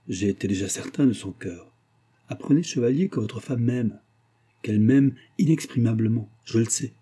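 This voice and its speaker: A man reading aloud, voicing a vengeful, triumphant colonel with accusing, declamatory delivery in a husky, dark voice. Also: lowish voice.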